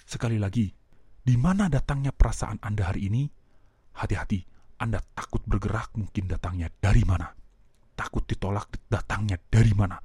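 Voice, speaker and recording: A man's voice: on the low side, brisk, warm tone, breathy edge, dry recording. A man giving a self-help lesson, speaking directly to listeners and asking them questions. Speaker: motivational speaker.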